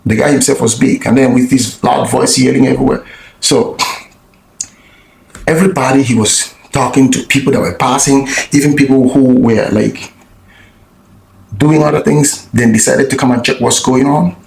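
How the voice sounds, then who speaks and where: Man, gravelly voice, blunt profane storytelling, roomy echo. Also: mid-range voice, steady tone, normal speed, darkish tone. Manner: blunt and profane, many restarts. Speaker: vlogger. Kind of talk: casual storytelling monologue.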